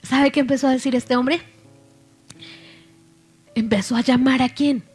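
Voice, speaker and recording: A woman's voice: high voice, fairly even intonation, unhurried, darkish tone, slightly rough. Woman preaching a sermon over faint music. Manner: reads scripture aloud, then asks the listeners questions.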